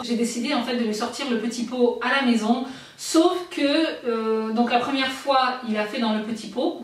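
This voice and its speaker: Young mom reviewing stuff at home, highish voice, lots of euh, super echoey room. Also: female voice, far from the mic. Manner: chatty, many fillers and "franchement". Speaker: vlogger reviewing products. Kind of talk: casual product review. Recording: echoey room, a little off-mic, faint noise.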